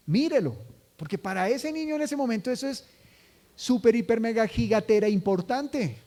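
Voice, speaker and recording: High-voiced man preaching conversationally. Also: dark tone. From Colombia. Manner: conversational, acts out quoted voices, asks tag questions. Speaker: pastor. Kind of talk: sermon.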